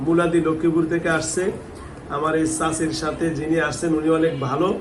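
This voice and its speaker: A man's voice: on the high side, flat delivery, fairly quick. A man, working as a healer and mufti, coaxing and pressing people with repeated questions while also speaking to the camera. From Bangladesh. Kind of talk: live session addressing camera and visitors. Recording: echoey room, distant mic, faint noise.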